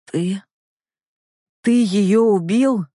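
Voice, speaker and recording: A woman reading the part of a cruel, vengeful male gang boss who speaks coldly and sneers, rising to hoarse fury. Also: on the low side, unhurried, a little mellow, no room sound, studio quality, lightly acted. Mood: shocked fury.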